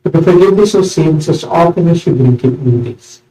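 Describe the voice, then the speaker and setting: A man serving as priest, reciting a eucharistic prayer solemnly in measured, short phrases, in a large reverberant church. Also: on the high side, animated, dark tone, soft background music. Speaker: priest celebrating communion. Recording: echoey church, distant mic, muffled sound.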